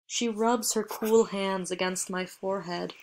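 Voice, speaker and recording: A woman narrating a short story as an audiobook reader. She reads slowly and evenly, with measured phrasing. Her voice sits at a middle pitch. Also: a little hiss or hum. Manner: measured, even first-person storytelling.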